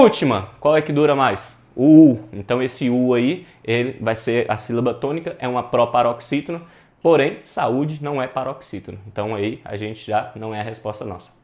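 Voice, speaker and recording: Male teacher, online exam-prep class, slangy and energetic, shouts for emphasis. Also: medium pitch. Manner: lively, slangy, addresses students as "galera"; bursts into loud emphatic shouts when stressing syllables.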